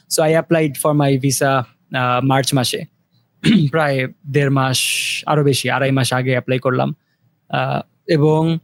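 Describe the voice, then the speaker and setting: A young man chats casually on a podcast, calling in from abroad. His voice sits a little high and bright, and the sound is close and dry with no room echo. He talks in a halting, easygoing way and mixes Bengali with English. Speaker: podcast co-host sharing his story.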